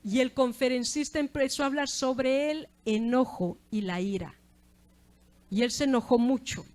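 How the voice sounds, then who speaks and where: High-voiced woman preaching a sermon. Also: normal speed, darkish tone. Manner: earnest preaching with repeated "gloria sea al Señor".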